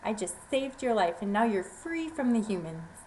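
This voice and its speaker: A woman's voice: big pitch swings, moderate pace, dark tone, slight background noise, lightly acted, low-quality recording. A woman voicing a tiny, frightened female mouse who pleads and speaks earnestly in a storytelling performance. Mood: pleading. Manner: high, pleading and eager.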